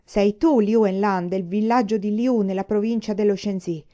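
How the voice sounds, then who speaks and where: A brutish army sergeant, as a woman reader puts him on, raised and loud, barking each order in a storybook reading. The voice is mellow and soft-edged underneath the shouting. The recording is dull and lo-fi. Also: mid-range voice, fairly even intonation, moderate pace, lightly acted. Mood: roaring. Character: rough bullying male army sergeant.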